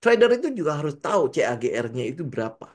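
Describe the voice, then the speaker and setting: A man's voice: on the high side, very animated, very fast. A man with a Jakarta-slang Indonesian accent, giving a casual trading lesson. He keeps asking rhetorical questions and acts out what traders say. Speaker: trading coach.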